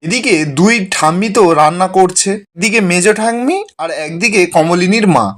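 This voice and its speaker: A man narrating a recap of a TV serial episode in a steady storytelling manner, reading out the characters' lines plainly. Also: high voice, normal speed.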